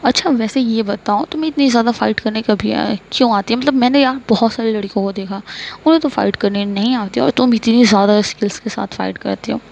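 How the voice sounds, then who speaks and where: A woman's voice: on the high side, brisk, vocal fry, a little mellow. A woman voicing a bubbly, playful young woman who teases and talks nonstop, in a storybook reading. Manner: chatty, playful, teasing. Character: bubbly teasing young woman, recovering hospital patient.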